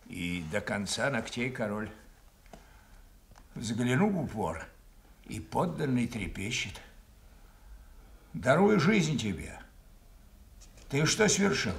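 A mad old king in a radio stage tragedy. He declaims slowly in a mid-pitched voice, imperious, bitter and mocking as he rambles. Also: gravelly. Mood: mad scorn. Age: older. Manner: declamatory, deliberate, shifting between mockery and command.

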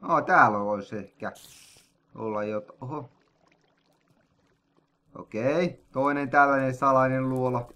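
A young man, an excitable, jokey gaming host narrating a let's play, with sudden loud outbursts. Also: mid-range voice, pauses often.

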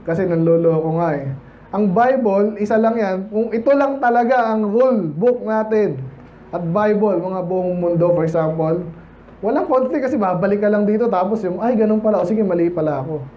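A high-pitched man with a Filipino accent preaches a Baptist sermon in a conversational way. He asks the congregation for responses and acts out other people in a higher voice. The church recording sounds dull, with faint background noise. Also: normal speed. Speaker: pastor.

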